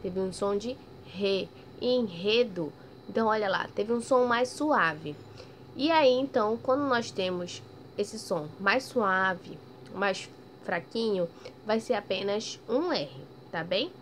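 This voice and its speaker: Woman primary teacher, unhurried and patient, stretched-out example words, faint background noise. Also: medium pitch, expressive. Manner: ends phrases with "tá bem?" checks. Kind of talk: recorded remote lesson for children.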